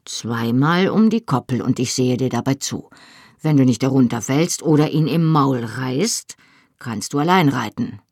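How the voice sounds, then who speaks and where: Reader doing a calm, patient young husband. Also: medium pitch, measured pace, no echo, studio quality. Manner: firm, calm.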